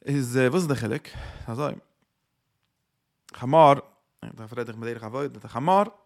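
Gravelly man. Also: mid-range voice. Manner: halting, repeats himself, mixes in English words. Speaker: religious teacher. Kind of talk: informal religious teaching talk.

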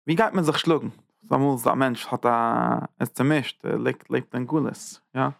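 A man delivers a Torah lecture, his voice gravelly and his pitch in a middle range. He often repeats phrases and checks in with listeners through short "ja?" asides. The recording sounds dry and close. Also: dry recording. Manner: tags points with quick "ja?" checks; repeats and restarts phrases while building an idea. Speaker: rabbi teaching Zohar.

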